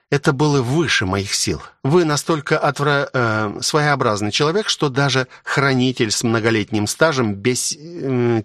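Brief: male reader doing ancient scornful maid-guardian, sharp tongue, lifted pitch, dry booth sound. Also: no room sound, natural voice. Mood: indignant. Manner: haughty, bitter and sharp-tongued. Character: ancient spiteful woman guardian serving as maid. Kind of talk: audiobook reading.

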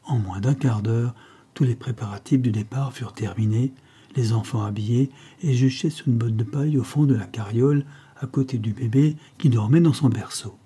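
A man's voice: mid-range voice, moderate pace, husky. A man narrating a novel as an audiobook, telling it steadily and voicing the characters. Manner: steady storytelling with voiced characters.

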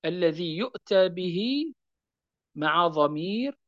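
A man teaching a lesson on Quran recitation rules, patiently repeating key points and slowing down to recite verse examples. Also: high voice, lively intonation, a bit bright, no echo, lo-fi sound. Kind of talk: explanatory lesson on tajweed.

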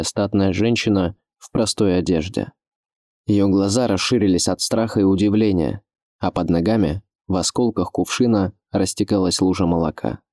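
A man narrating an audiobook in a measured, expressive literary reading. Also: sits low, no echo, clean studio sound.

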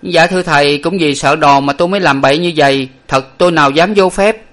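A man's voice: high voice, moderate pace, fairly bright tone, voice pushed up. A man voicing a timid, cheeky young male servant who talks in a whiny, pleading, deferential way.

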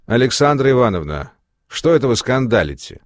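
A man's voice: on the low side, big pitch swings, unhurried, darkish tone, slightly rough, no echo, studio quality, heavily acted. A man doing a stern heavyset workshop mistress. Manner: strict, imposing. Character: stern heavy middle-aged woman workshop owner.

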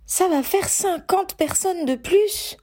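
A woman's voice: very high-pitched, slow pace, darkish tone, voice pushed up. A woman voicing a stubborn young witch who answers curtly and firmly. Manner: curt and firm.

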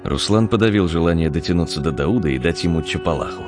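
A man narrating an audiobook with a measured, expressive reading. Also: deep voice, music in the background. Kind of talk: scripted narration.

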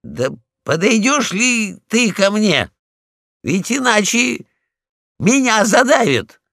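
A man voicing a pompous, bossy male guard dog in a storybook reading, loud and commanding. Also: a little high, very animated, slow pace, creaky, no echo, studio quality, voice pushed up, heavily acted.

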